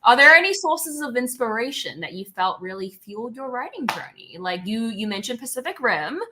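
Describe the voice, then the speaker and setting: A woman's voice: fairly high pitch, very animated, moderate pace, background noise. A woman author asking questions at a virtual book event, chatty and playful, heard over a video call. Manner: chatty and playful, self-teasing.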